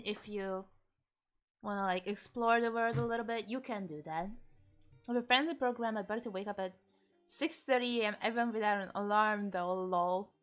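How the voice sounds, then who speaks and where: A young woman streamer chatting casually with her viewers while eating, reading and answering chat with frequent giggles. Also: medium pitch. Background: faint background music.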